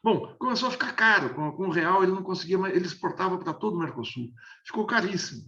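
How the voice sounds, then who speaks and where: High-pitched and expressive, this man talks at a quick pace with a bright, forceful tone, his words reverberating. He is in his sixties, from the interior of São Paulo state in Brazil, and as an interview guest he explains things at length in conversational analysis, hesitant and restarting often. It's a dull lo-fi recording.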